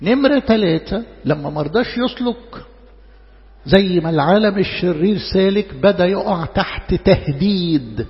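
A man with an Egyptian accent preaching a sermon, asking rhetorical questions and slowing down to quote scripture. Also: high voice, expressive, in a large hall, highs cut off. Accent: Egyptian Arabic.

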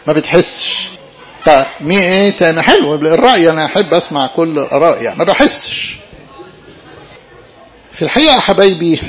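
A priest with an Egyptian Arabic accent gives a lively, interactive sermon to young listeners, keeping them engaged by questioning them again and again. His voice sits high.

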